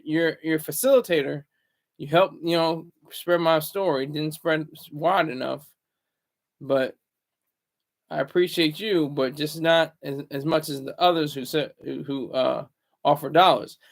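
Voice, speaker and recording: This man's livestream comes from a room inside his home, where he keeps a steady, gravelly tone that sits slightly high for a male voice. He speaks in an intentionally soft, low manner, often stumbling and saying words twice as he talks to viewers.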